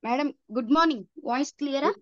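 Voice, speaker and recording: High, bright woman breaking up on a bad call. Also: fast talker, no room sound. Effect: voice breaking up over a bad online call connection. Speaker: business team leader giving a training session. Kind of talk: online meeting presentation. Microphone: video call. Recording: dull, lo-fi online call audio.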